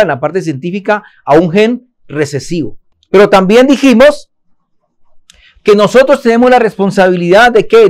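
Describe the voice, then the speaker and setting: A man's voice: high voice, darkish tone. A man teaching a Torah lesson, asking his listeners questions and answering them himself.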